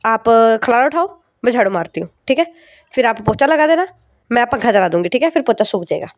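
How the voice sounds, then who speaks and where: Cheeky, whiny younger daughter, high and bright, voiced by a woman narrator. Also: lively intonation, fairly quick, dry recording, close to an everyday voice. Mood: coaxing.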